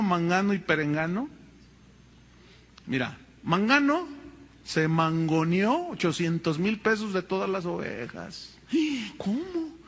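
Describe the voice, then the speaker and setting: A man preaching a sermon as pastor, telling stories with humor and acting out other people's voices. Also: high voice. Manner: animated storytelling with humor and acted-out voices.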